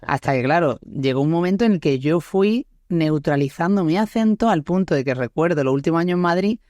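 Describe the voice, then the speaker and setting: This podcast host, a woman in her thirties with a Málaga accent from Andalusia, speaks in a low, darkish voice that's animated and brisk. Her casual chat is full of laughter and tag questions, recorded dry in studio quality.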